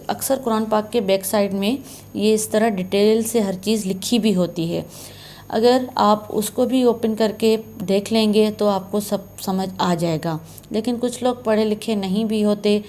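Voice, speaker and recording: A woman's voice: medium pitch, warm tone. A woman teaching Quran recitation signs in a patient, step-by-step way, repeating key terms. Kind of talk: slow explanatory lesson.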